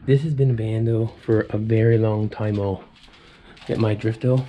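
This urban explorer, a man in his thirties, has a lowish voice with a steady tone and normal pacing. He muses aloud to viewers in a handheld walkthrough vlog of an abandoned, fire-ravaged house, and the camera's indoor recording is muffled with a bit of hiss or hum.

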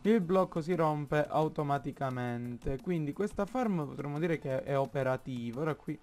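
A man with an Italian accent commenting on his own Minecraft play, slow and halting, thinking aloud with many fillers. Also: fairly high pitch, darkish tone, soft background music. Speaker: gaming YouTuber.

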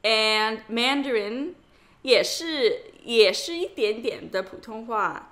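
A young woman chats casually as a podcast co-host on a video call from home. Her voice is bright and a little high. She is playful and drops in other languages. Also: takes it slowly. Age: young adult. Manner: playful, multilingual code-switching.

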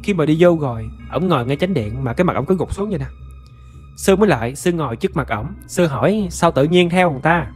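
A man's voice: fairly high pitch, expressive, quick pace, a little mellow, faint music behind. A man with a Southern Vietnamese accent narrating a ghost story in a chatty way, often addressing his listeners directly.

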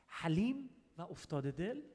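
Guy translating a sermon on the fly, high voice, big echoey hall. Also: big pitch swings, a little mellow, slightly rough. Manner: quick consecutive interpreting with fillers and restarts. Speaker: interpreter. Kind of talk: live sermon interpretation.

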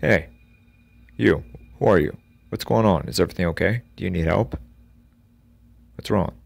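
Jittery young friend, anxious pleading questions, very deep voice, put on by the male narrator. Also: sing-song, fairly quick, vocal fry, breathy edge, dry recording, exaggerated voice. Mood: shouting. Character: nervous young man, friend in a car.

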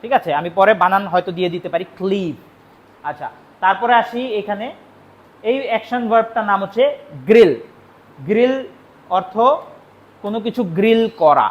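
A young Bangladeshi man, a spoken English teacher with a high-sitting voice, teaches vocabulary in a classroom at normal speed with long pauses. He explains patiently, repeats key words, and poses questions that he answers himself.

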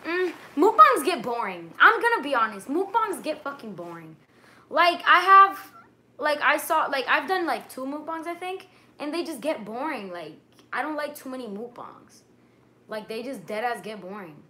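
A young woman of Dominican heritage vlogs live from her bedroom at night, wrapped in a blanket, her voice high, sing-song, bright, and forceful at normal speed. Recorded on a webcam or phone held at arm's length, she chats casually, slangy and swearing freely, while reading viewer comments.

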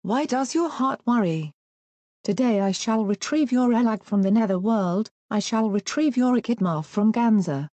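Loyal storybook servant, male, eager and reassuring, mellow voice, read by a woman. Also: on the high side, expressive, moderate pace, no room sound, lightly acted.

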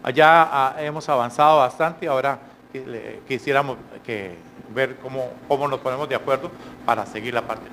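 A middle-aged man gives a measured academic talk on a panel, pausing often and tagging his points with quick questions to the audience. He speaks into a handheld mic in a conference hall, with a faint hum of room ambience underneath. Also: medium pitch, a bit bright. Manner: measured, frequent hesitations, rhetorical tag questions.

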